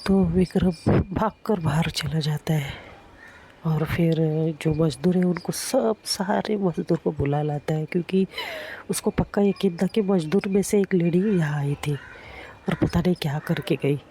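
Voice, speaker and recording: A woman's voice: lowish voice, a little slow, mellow, a little hiss or hum. A woman narrating a romantic story in a conversational way, with repeated filler words.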